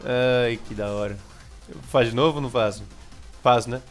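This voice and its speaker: Excitable Brazilian man commenting gameplay. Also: mid-range voice, moderate pace, soft background music. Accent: Brazilian Portuguese. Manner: excitable, repeats words, sudden shouts. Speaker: gameplay streamer.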